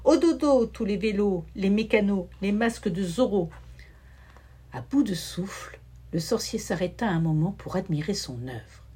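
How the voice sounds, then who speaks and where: A woman reads a children's story aloud in a husky voice. Her pitch moves in lively rises and falls, and she reads long lists in a rhythmic cadence. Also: unhurried. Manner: expressive, rhythmic listing.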